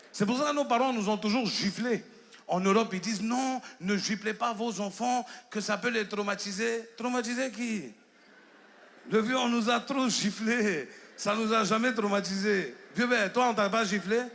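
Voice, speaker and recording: A man in his thirties with an Ivorian French accent, doing stand-up comedy on a theater stage and telling stories with animated quoted voices. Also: sits high, slight background noise.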